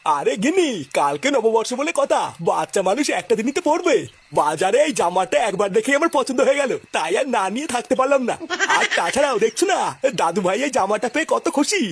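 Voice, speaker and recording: A performer voicing a hot-tempered old grandfather in a cartoon, who dotes on his grandson and scolds fast and loudly. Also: medium pitch, very animated, breathy edge. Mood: doting. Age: older.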